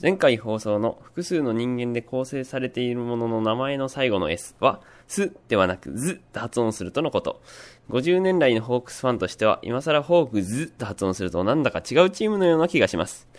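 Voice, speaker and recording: Lively young male student radio host. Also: mid-range voice, no room sound. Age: young adult. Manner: lively, quick and playful, reads listener mail aloud. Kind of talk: casual radio chat.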